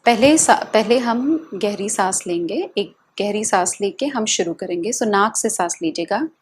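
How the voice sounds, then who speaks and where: Calm Indian woman guiding a tapping session. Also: medium pitch, husky. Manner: calm, slow guiding with repeated affirmations. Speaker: EFT tapping practitioner.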